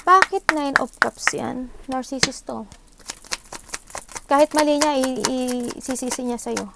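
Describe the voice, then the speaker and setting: Through her own mic in a very noisy recording, a woman from the Philippines gives a live tarot reading at a measured pace in a high voice with vocal fry. Speaking with a Filipino accent, she muses aloud, blends English into Tagalog, and adds short tag questions asking for agreement.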